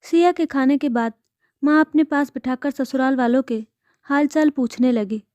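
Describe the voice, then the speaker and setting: A woman narrating an emotional family story and voicing all the parts herself, with a soft, dramatic delivery. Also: sits high, moderate pace, no room sound. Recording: dull lo-fi dry recording.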